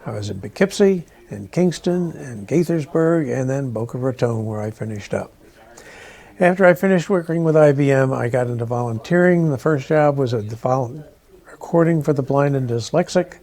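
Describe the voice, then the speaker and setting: A man's voice: medium pitch, animated, normal speed, a little mellow. An older man introducing himself as a council candidate, talking plainly and conversationally. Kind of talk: personal introduction.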